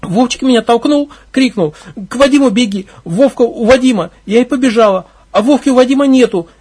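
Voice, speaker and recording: A man's voice: extremely high pitch, a little fast, a little mellow, husky, voice pushed up. A man doing a desperate young village girl. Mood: pleading, urgent. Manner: breathless, pleading, near tears.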